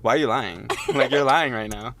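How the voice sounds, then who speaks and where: With a medium-pitched, slightly bright voice at normal speed, this young male podcast co-host chats casually. His storytelling is rambling and self-deprecating, full of digressions and the occasional curse word.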